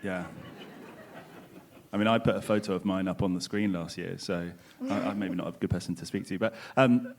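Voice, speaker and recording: A man's voice: sits low, steady tone, moderate pace, slight background noise. A man co-hosting a live podcast panel, speaking in a hedged, self-correcting way. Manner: hedging, many "kind of"s, self-correcting. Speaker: podcast co-host moderating a panel. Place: conference stage before an audience.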